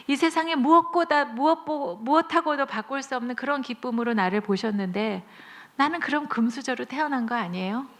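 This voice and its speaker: A middle-aged woman gives a sermon at a church service. Her voice sits a bit high, and she tells stories vividly, acting out the quoted voices of the people in them. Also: a bit bright. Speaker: guest speaker at church.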